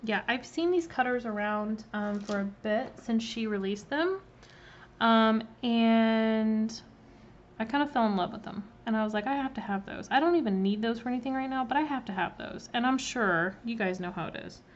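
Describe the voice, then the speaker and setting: A woman's voice: on the high side, normal speed. Chatty woman teaching on a live stream. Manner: chatty, greets viewers by name, filler ums. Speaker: cookie decorating instructor. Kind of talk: casual live-stream demonstration. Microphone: laptop mic. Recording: slightly muffled, faint background noise.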